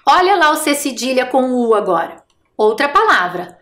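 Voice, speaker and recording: A woman teaching young children in a recorded remote class, encouraging and speaking slowly and clearly. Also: sits high, big pitch swings, bright, forceful tone, echoey room. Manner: encouraging, sing-song, slow and clear for children. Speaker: primary school teacher.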